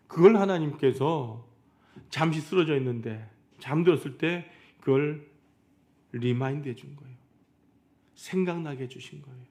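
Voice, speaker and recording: A male pastor preaching a Sunday sermon, telling a story to his congregation and acting out the quoted dialogue. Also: on the high side. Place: church sanctuary.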